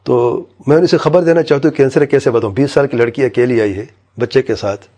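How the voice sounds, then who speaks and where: A man's voice: mid-range voice, dark tone. A man preaching a religious talk, vividly retelling anecdotes and quoting each person in them. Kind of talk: religious talk with told stories.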